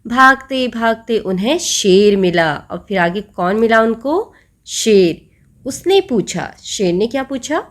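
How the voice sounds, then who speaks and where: A woman's voice: a little high, expressive, slow pace. A woman teacher patiently explaining a children's textbook story, asking the class questions and answering them herself.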